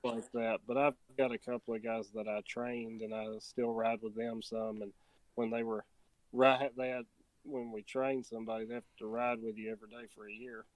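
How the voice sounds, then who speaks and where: A man with an ordinary mid-range voice talks in a relaxed interview. His delivery rambles and restarts often, and the recording is dry and close. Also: medium pitch, normal speed, dry recording, poor audio. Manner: easygoing, rambling, with many restarts and fillers. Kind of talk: casual interview chat.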